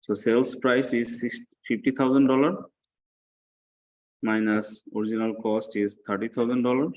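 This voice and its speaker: In a low-quality recording, an accounting lecturer explains a worked example to a class with a flat delivery at normal speed. His mid-range voice has a darkish tone, and he teaches didactically, repeating key points and regularly posing short check-in questions.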